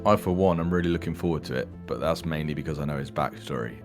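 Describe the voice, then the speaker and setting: A man with a very low voice leads a tabletop game as its dungeon master. He talks in a loose, easygoing way and keeps things moving for his players. Soft music plays faintly underneath. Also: fast. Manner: chatty, laid-back, calls players mate. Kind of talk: casual tabletop game introduction.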